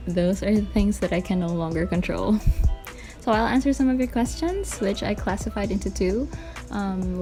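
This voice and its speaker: Mellow Filipino woman, dictaphone-recorded podcast. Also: mid-range voice. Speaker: podcast and vlog host. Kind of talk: casual solo podcast Q&A. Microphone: handheld voice recorder, dictaphone. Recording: voice recorder with music behind. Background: music.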